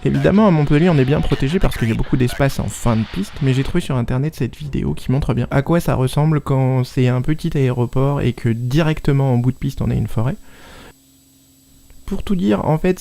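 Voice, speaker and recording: A man's voice: mid-range voice, gravelly, mellow, slight background noise. A man who is a student pilot, giving a casual, self-deprecating explanatory voice-over. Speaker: student pilot narrating own flight video. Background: music.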